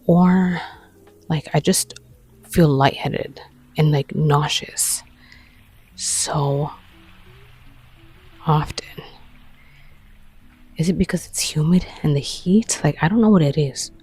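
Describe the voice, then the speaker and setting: A vlogger chatting casually to the camera late at night, short of breath, rambling and often slipping into a soft whisper. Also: medium pitch, slow, long pauses, slight background noise, poor audio. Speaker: lifestyle vlogger. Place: bedroom at night.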